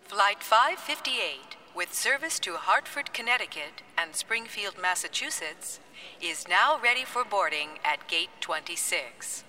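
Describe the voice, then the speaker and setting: A woman's voice: mid-range voice, lively intonation, a little slow, sharp tone, recorded from a distance, slight background noise, low-quality recording. A woman voicing a formal, matter-of-fact boarding announcer in a scripted airport announcement. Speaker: airline announcer.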